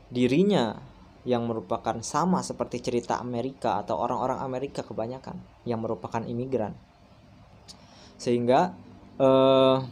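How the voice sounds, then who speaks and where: A man's voice: mid-range voice, darkish tone, a little hiss or hum. A young man in his twenties, a university student giving a recorded class presentation, speaking hesitantly with frequent fillers and restarts. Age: 20s.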